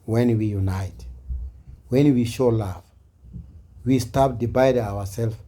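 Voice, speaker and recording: Speaking slowly in a mellow, medium-pitched voice, a man addresses the camera with a passionate personal message in English. His delivery is earnest and repetitive, carries a preacher's rhythm, and shows non-native grammar.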